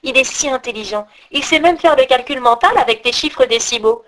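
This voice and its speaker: A woman's voice: high voice, brisk, fairly bright tone, slight background noise. A woman voicing an eager little girl in a storybook reading, earnest and pleading. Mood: overjoyed. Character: eager little girl searching for her friend.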